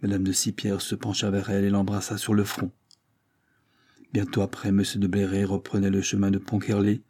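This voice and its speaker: A male narrator reads a nineteenth-century novel in a measured, dramatic manner. His voice sits low and dark, with a husky grain. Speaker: audiobook narrator. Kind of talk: reading a 19th-century novel aloud.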